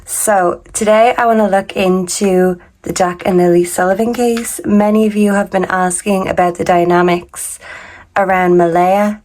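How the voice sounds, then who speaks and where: A woman doing a casual tarot reading, her voice deeper than usual because she is sick, talking in a halting way and sometimes stumbling over words. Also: steady tone, a little mellow. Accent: Canadian. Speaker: tarot reader.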